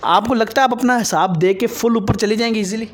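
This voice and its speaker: A man's voice: high voice, a little hiss or hum. A man interviewing a dancer for his video, probing her and lecturing her on religion and morals.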